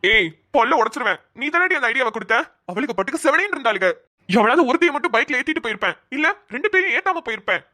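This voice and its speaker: A fed-up young man from a cartoon sketch, put on by a woman, fires off his complaints in a quick, bright, fairly high voice. He sounds cornered and keeps protesting. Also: big pitch swings, heavily acted. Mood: exasperated. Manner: exasperated, quick complaining talk. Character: young man Adhi teased by girl cousins. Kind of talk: cartoon voice acting.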